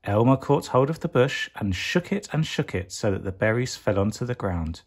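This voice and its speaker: This bedtime story reader has a medium-pitched, expressive voice with a breathy edge. He reads the children's picture book aloud deliberately, drawing out important words to stress them.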